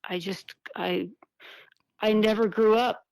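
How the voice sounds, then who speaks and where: A woman's voice: medium pitch, fairly even intonation, gravelly, darkish tone, dry recording. Earnest woman on an old flip phone call. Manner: earnest, halting, with repeated words. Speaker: interview guest, activist and author. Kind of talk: reflective interview conversation.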